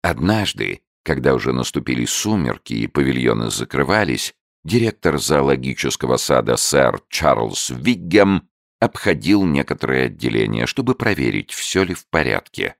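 A man narrating an audiobook in a measured, expressive reading. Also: rumbling low, gravelly, no room sound, clean studio sound.

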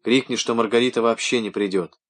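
A man doing a shrill headstrong young woman. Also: fairly even intonation, fairly quick, a bit bright, close to an everyday voice. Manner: shrill, bossy.

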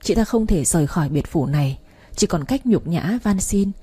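A woman narrating a family drama story in a steady, dramatic reading. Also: lowish voice, normal speed, husky. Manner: steady dramatic reading, voices quoted lines.

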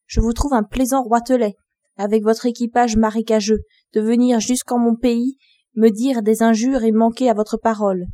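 A woman voices a spoiled young princess in a fairy tale, angry and scornful, hurling reproaches. The voice is fairly high and mellow, with a dry, close sound. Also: level tone, normal speed, dry recording, natural voice. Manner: reproachful and insulting.

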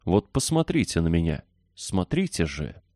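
A man's voice: low voice, very animated, normal speed, darkish tone, no room sound, clean studio sound. A man voicing a proud, commanding young boy in a storybook reading, haughty in tone. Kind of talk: audiobook character voice.

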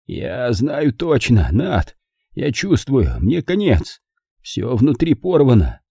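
A man doing a wounded older frontiersman, his voice husky and worn as he faces death. He speaks in weak, halting phrases with a wide swing of pitch. The sound is close and dry. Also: wildly swooping pitch, warm tone, no echo, full character voice. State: dying, coughing. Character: dying older frontiersman uncle, gruff and stoic.

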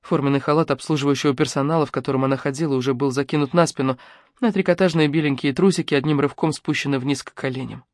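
A woman reading a detective novel aloud in a measured, even narration. The recording is dry and close to the mic, with no room sound. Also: a bass voice, no room sound. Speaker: audiobook narrator. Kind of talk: scripted narration.

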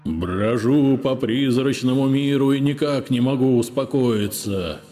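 Мужчина изображает стонущего мстительного призрака. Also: male voice, faint music behind, lightly acted. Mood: moaning, menacing. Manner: moaning sepulchral voice, slow and drawn out; booming hushed tone, menacing. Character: vengeful mournful male ghost, a man in disguise.

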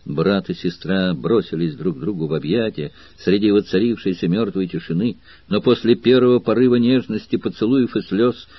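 A man's voice: on the low side, moderate pace, slightly rough, dry recording, lo-fi sound. A man reading a dramatic audiobook steadily on a close mic. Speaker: audiobook narrator.

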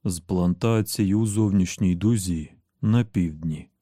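A man as a grave, slow-spoken gunslinger. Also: low-pitched, warm tone, no room sound, clean studio sound. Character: grim older male gunslinger, terse. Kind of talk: audiobook character voice.

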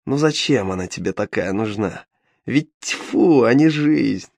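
A man's voice: on the low side, animated, measured pace, gravelly, darkish tone, dry recording, heavily acted. A man voicing a sly, mocking male imp with a horned devil's gleeful, taunting manner in an audiobook. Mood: scornful. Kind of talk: audiobook character voice.

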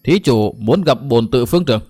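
A man's voice: medium pitch, animated, a little fast, darkish tone, breathy edge, faint music behind. A man voicing a stern old monk who guards a temple gate, formal and grave.

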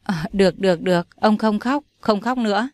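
A woman's voice: medium pitch, moderate pace, darkish tone, no room sound, natural voice. Woman doing an old domineering father, harsh, commanding, audio storybook, dry close sound. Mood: remorseful. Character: furious old male patriarch, domineering father.

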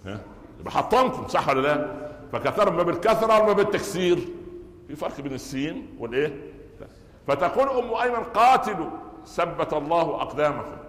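A middle-aged Egyptian man preaches at a quick clip, weaving stories and tossing rhetorical questions at his listeners. His voice rings through a large hall with a long, echoing tail. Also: fairly low pitch, fairly bright tone. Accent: Egyptian Arabic. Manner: storytelling, asks the audience rhetorical questions. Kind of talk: Friday sermon. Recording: echoey hall with long reverb.

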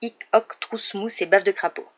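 A woman's voice: medium pitch, steady tone, normal speed, close to an everyday voice. A woman reading a storybook aloud, voicing a defiant boy wizard with a dry, cutting manner. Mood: fierce. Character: sharp-tongued boy wizard, cold and defiant. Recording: dull lo-fi recording.

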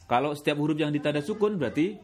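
A man teaching Quran recitation rules in a casual classroom way, often slowing down to demonstrate sounds in a drawn-out voice. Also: a little high. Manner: relaxed, repeats filler words often.

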